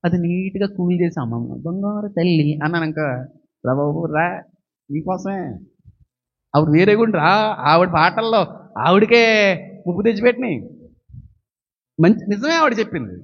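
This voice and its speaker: A man preaching a sermon as a pastor, animated, swinging from soft asides to loud appeals. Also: high-pitched, a little fast, long pauses, breathy edge, dull audio.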